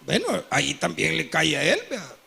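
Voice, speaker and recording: A man preaching a sermon with a Salvadoran Spanish accent, telling stories animatedly, acting out dialogue and breaking into shouts, often checking in with his congregation. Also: on the high side, normal speed, creaky, breathy edge. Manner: animated storytelling with frequent asides to the congregation; acts out quoted dialogue and bursts into shouting. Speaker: pastor.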